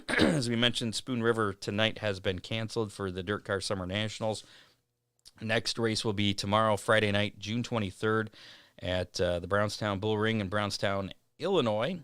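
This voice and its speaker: A man with a low voice hosts a racing show. He works through event listings in a casual, halting way, filling gaps with "uh". The sound is dry and close. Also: fairly bright tone, smooth, no room sound. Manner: reads schedules with frequent "uh" pauses. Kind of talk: casual racing news rundown.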